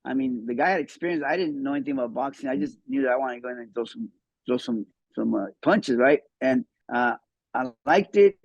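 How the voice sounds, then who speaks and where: A man's voice: mid-range voice, dry recording, highs cut off. A man in his fifties who grew up in Mexico, telling his life story as a podcast guest in a casual, repetitive way. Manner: fast, repeats words as he talks.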